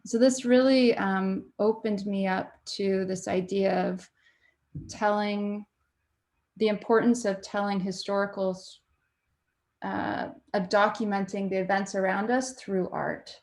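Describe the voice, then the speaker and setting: A young woman from Canada, a documentary photographer, talking reflectively on a panel with frequent pauses and fillers. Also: medium pitch, fairly even intonation, darkish tone. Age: young adult. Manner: reflective, hesitant with many fillers. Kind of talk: panel talk.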